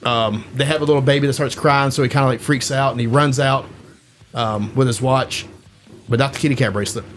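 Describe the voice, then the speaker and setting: A man's voice: mid-range voice, fairly even intonation, brisk. Casual host, male, rambling storyteller heavy on fillers, faint music under him. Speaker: podcast host. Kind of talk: casual chat.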